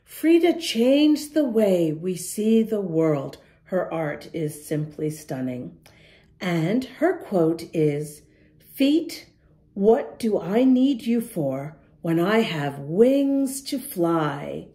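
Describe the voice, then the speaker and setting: Reading aloud to young children, a storytime host uses a lowish, mellow voice with big pitch swings, going extremely slowly. She's encouraging and emphatic, addressing the kids directly with questions.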